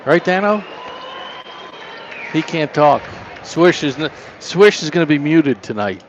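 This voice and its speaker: Man, slightly high voice, live basketball commentary, noisy indoor gym. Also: expressive, measured pace, lo-fi sound, a faint crowd. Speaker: play-by-play sports broadcaster. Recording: clear background noise from gym.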